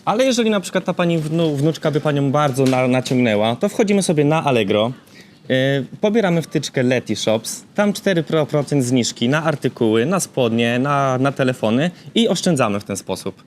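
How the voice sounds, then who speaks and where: A man's voice: mid-range voice, expressive, normal speed. A young man in his early twenties works as an interviewer, with a mid-range voice. He puts questions casually and a little hesitantly, often restarting words. Faint ambient noise sits behind him. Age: early 20s. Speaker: street interviewer.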